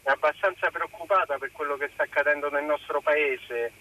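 A man's voice: on the high side, sharp tone. Earnest man calling in by phone. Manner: polite, earnest, halting with fillers. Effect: voice heard over a phone line on a radio call-in. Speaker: radio phone-in caller. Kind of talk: formal phone-in appeal.

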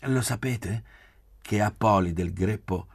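A man reading aloud and voicing an eager, animated young doctor. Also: lowish voice, takes it slowly, vocal fry, slightly rough, dry recording, heavily acted.

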